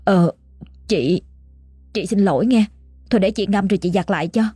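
A woman voicing a gentle, timid young wife, soft and apologetic. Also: medium pitch, moderate pace, husky, no room sound, soft background music, lightly acted.

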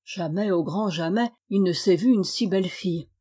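A woman's voice: lowish voice, normal speed, mellow, husky. French woman reading a fairy tale. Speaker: storyteller.

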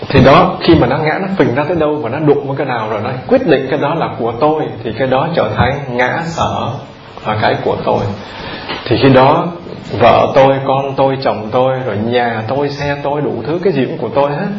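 A man's voice: medium pitch, a little fast, slight background noise. A Buddhist monk giving a conversational dharma talk, repeating words and putting questions straight to his listeners. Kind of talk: dharma talk to a lay audience. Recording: roomy, dull lo-fi recording with audience.

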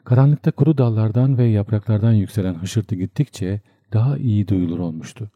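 A man reads a literary novel aloud in a measured, even manner. His voice is low and notably dark and mellow. The recording is dry and close. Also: dry recording. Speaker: audiobook narrator. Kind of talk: literary audiobook narration.

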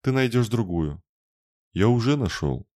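A man voicing a weak, gentle male spirit creature who speaks in a tired, rustling way. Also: lowish voice, expressive, unhurried, pitched above the performer's own voice. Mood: weary. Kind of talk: audiobook narration.

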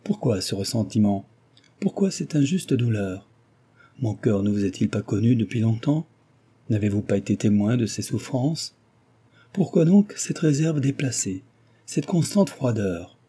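An ardent young gentleman suitor, earnest and insistent, as a man reads him. The voice is very dark and husky, delivered as an audiobook reading. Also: medium pitch, expressive, unhurried. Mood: passionate, pleading.

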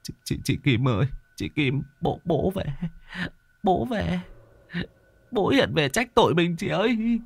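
A man's voice: mid-range voice, lively intonation, fairly quick, husky, no room sound. Stammering frightened young man voiced by a man, whiny, storytelling. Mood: tearful.

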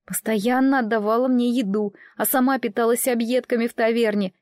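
A frightened little boy speaks with a trembling, tearful earnestness, as a woman reading a storybook puts him on. His voice sits high above her usual tone. The sound is dry and close. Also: steady tone, a little fast, darkish tone, dry recording, close to an everyday voice. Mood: upset.

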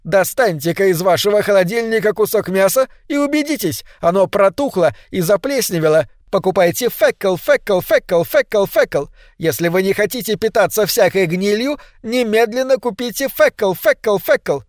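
A man voicing a mocking loudspeaker advertisement that shouts a jeering sales pitch. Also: lively intonation, normal speed, no echo, clean studio sound. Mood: frantic.

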